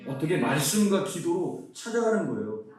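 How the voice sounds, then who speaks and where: A middle-aged male pastor from Seoul preaches at a conference, his voice swinging up and down with lively emphasis as he puts rhetorical questions to the room. His pitch sits a little high for a man. The sound is caught from some distance and rings with a strong hall echo. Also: normal speed, soft background music. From Seoul, South Korea. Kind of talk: conference sermon. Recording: very echoey hall, mic far off.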